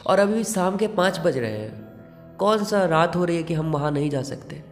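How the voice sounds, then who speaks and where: Man doing a reckless young guy, dismissive and coaxing, slightly high voice in a reverberant mix. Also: animated, moderate pace, close to an everyday voice. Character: bold young man urging friends into a haunted mansion. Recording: long reverb with background music.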